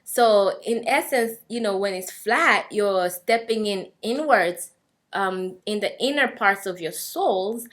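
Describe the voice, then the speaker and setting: A young woman, a fitness vlogger whose first language is Swahili, speaks casually and earnestly to the camera to encourage her listeners. Her mid-range voice is slow and fairly bright, and she uses lots of fillers and restarts.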